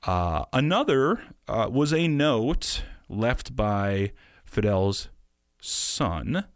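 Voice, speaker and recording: A man's voice: medium pitch, very animated, drawn-out words, dry recording, clean studio sound. A man in his thirties co-hosting a casual podcast, presenting a theory in a wry, hedging way. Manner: wry, hedging, laughs at own claims.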